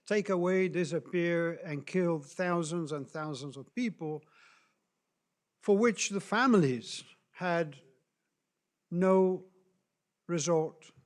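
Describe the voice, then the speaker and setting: Slow, halting man from South America. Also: a little high. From Chile and Argentina. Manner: deliberate, halting with frequent fillers and restarts. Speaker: speaker on human rights law. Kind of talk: lecture presentation.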